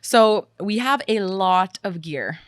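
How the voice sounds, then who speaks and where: A woman's voice: mid-range voice, animated, takes it slowly, no echo. A woman in her twenties co-hosting a podcast in a casual, upbeat chat, laughing often. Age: 20s. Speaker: podcast co-host.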